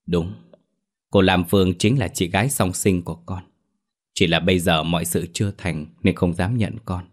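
Calm old servant guy in an audio story, deep and steady, read by a man. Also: normal speed.

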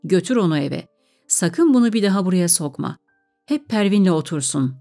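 A stern, commanding father from a storybook, put on by a woman narrator. His voice sits low and mellow, yet every word comes out harsh. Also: lively intonation, normal speed, faint music behind. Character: stern strict father, quick to anger.

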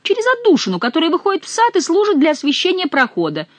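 A woman's voice: extremely high pitch, wildly swooping pitch, quick pace, no echo, voice pushed up, exaggerated voice. A woman voicing a fat, cowardly male monk who wails and pleads. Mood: pleading. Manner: wailing, pleading.

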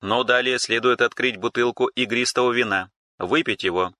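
A man's voice: medium pitch, fairly even intonation, moderate pace, sharp tone, lightly acted. A man voicing a female ship AI in an audiobook, dry, formal and sarcastic. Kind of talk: audiobook character reading.

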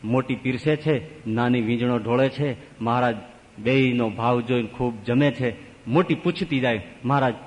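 A man, a swami, telling a story in a sermon, animated and swinging widely between high and low. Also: normal speed. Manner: animated, with wide pitch swings. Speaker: swami giving a religious discourse. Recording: long reverb of a large hall.

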